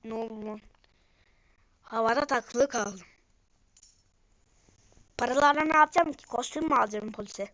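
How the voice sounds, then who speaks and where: A woman streamer giving live gameplay commentary, excitable and swinging between low mutters and sudden outbursts. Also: moderate pace, long pauses, no echo. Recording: muffled lo-fi screen recording.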